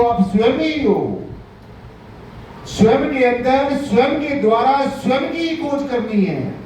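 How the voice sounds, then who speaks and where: A man's voice: high voice, mellow, a little hiss or hum. A man who is a spiritual teacher, giving a devotional sermon with emphatic repetition of key phrases and rhetorical questions. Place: ashram hall. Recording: echoey hall, distant mic, dull lo-fi sound.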